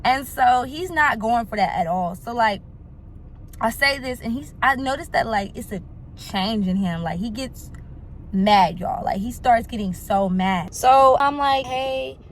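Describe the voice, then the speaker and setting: A young woman vlogger telling a storytime monologue in a chatty, animated way, talking straight to her viewers. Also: a little high, a little slow, slight background noise, low-quality recording.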